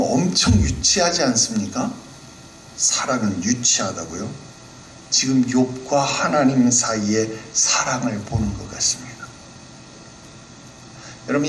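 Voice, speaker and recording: A man pastor delivering a Sunday sermon in a playful, animated way, often asking the congregation questions. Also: mid-range voice, roomy sound, slight background noise, poor audio. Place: church hall.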